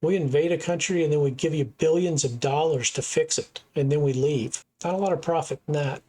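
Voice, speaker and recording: A man's voice: on the high side, fairly quick, dark tone. A middle-aged man from the United States hosting a reaction channel, making his points in a casual, earnest way and repeating them for emphasis.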